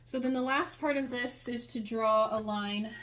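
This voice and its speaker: Careful, unhurried woman teaching over background noise. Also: a little high, fairly even intonation, fairly bright tone. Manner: careful, unhurried, with pauses mid-sentence. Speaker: sewing instructor. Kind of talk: hands-on craft tutorial, talking while working.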